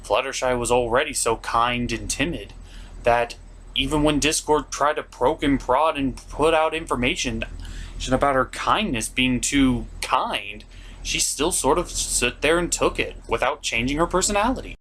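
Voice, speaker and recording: There's noticeable background noise as a man with a slightly bright, medium-pitched voice talks at a moderate pace. Hosting a show that reviews cartoons, he reads casual scripted commentary with dramatic emphasis.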